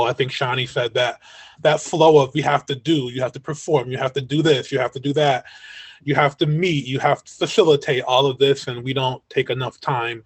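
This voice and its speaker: A man's voice: medium pitch, dry recording. A man moderating a video-call panel discussion, talking in a reflective, affirming way.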